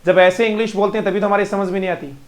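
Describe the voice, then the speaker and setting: A man with a high-pitched voice and an Indian Hindi accent teaches an online phonetics class. He repeats each word several times and praises his students by name. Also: steady tone, very fast, echoey room. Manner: drills words aloud, repeats examples, praises students by name.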